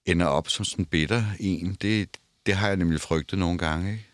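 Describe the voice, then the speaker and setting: An older man with a deep voice is interviewed in a studio, wearing headphones and speaking into a studio mic. He talks casually but stammers, repeating words and starting over often. The recording is dry.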